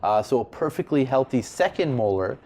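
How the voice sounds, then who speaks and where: A man's voice: mid-range voice, fairly quick. A man speaking as an oral surgeon, giving explanatory answers in an interview. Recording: steady background ambient noise.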